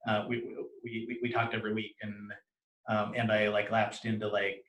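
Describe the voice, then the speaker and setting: In an echoey, roomy video, an interviewee describes living with cluttering. His lowish voice is fairly bright yet completely flat, and his halting account keeps stumbling into repeated syllables and words as he corrects himself and starts phrases over.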